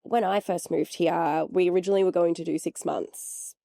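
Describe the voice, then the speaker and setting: A woman co-hosting a podcast, casual and chatty, her voice husky from being sick. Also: on the low side, moderate pace, dry recording, clean studio sound. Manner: relaxed, chatty. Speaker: podcast co-host. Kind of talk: casual chat.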